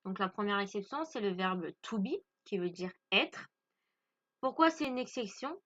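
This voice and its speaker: A woman's voice: mid-range voice, lively intonation, moderate pace, a bit bright, highs cut off. A woman from France teaching English grammar to French speakers, patiently stressing pronunciation and repeating each point.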